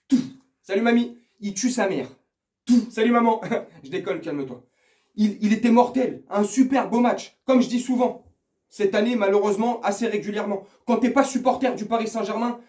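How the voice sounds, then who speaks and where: Ranting crude football fan, high voice. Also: male voice, darkish tone, roomy sound. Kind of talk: angry casual match debrief.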